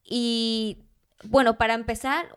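A Mexican woman co-hosting a podcast in casual, animated chat, laughing often. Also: fairly high pitch, takes it slowly, smooth. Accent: Mexican Spanish. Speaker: podcast co-host.

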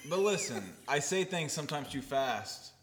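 A man's voice: fairly high pitch, expressive, moderate pace, background noise. A young man co-hosting a casual chat, rambling and self-deprecating, swearing freely. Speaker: podcast co-host.

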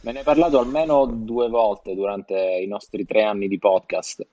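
A man's voice: lowish voice, steady tone, moderate pace, warm tone, no echo, dull audio. Sicilian guy on a podcast, slangy and sweary, joking around, no room sound at all. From Sicily, Italy. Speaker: podcast co-host. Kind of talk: casual chat.

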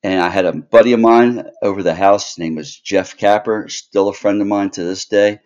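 A man's voice: fairly low pitch, normal speed, a little mellow, muffled recording. A middle-aged American man from Maryland reminiscing casually as a podcast guest. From Maryland, United States.

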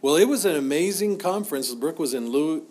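A middle-aged man teaching as a pastor in an informal, halting, conversational way, often repeating himself. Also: on the high side, animated, a little mellow.

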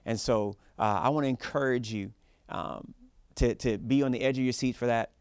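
A man's voice: medium pitch, moderate pace, clean tone, no echo. Earnest, informal male pastor, dry sound. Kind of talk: church address, prayer and announcements.

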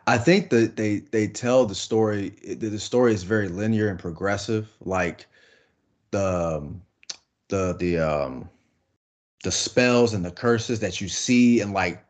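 A man's voice: lowish voice, unhurried. A man co-hosting a casual podcast, talking hesitantly with many restarts. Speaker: podcast co-host. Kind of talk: casual chat.

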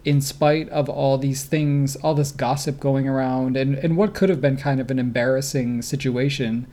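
A man's voice: medium pitch, fairly even intonation, normal speed, warm tone. A man with a Great Lakes American accent giving casual sports commentary as a podcast co-host.

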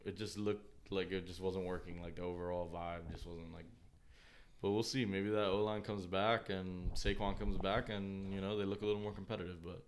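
A man's voice: deep voice, flat delivery, normal speed, a little hiss or hum. A man co-hosting a casual sports podcast with slangy, profane frat-bro talk. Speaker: podcast co-host.

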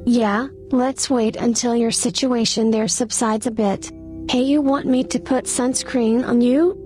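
A woman's voice: a little high, fairly even intonation, a little slow, a little mellow, soft background music, lightly acted. A woman playing a breezy, teasing young woman. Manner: breezy, coaxing.

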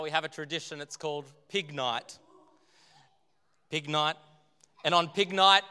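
A man's voice: fairly high pitch, pushed and bright, smooth. A male pastor giving a humorous sermon, telling jokey, self-deprecating stories. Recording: long hall reverb, faint music.

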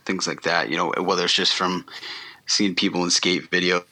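A man guesting on a podcast, talking in a relaxed, rambling way with many ums and restarts. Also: low-pitched, normal speed. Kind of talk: casual interview chat.

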